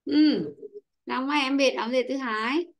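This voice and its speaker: A woman teacher leads an online English class with a Vietnamese accent. Her voice sits a little high and she speaks slowly and patiently, calling on pupils one by one. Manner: slow, patient, calls on pupils by name.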